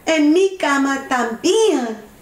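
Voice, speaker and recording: A calm mama bear from a children's storybook, as a woman voices her, speaking in a measured, higher voice. She talks slowly, and the sound echoes around a bare room. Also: heavily acted. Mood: puzzled. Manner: even, measured.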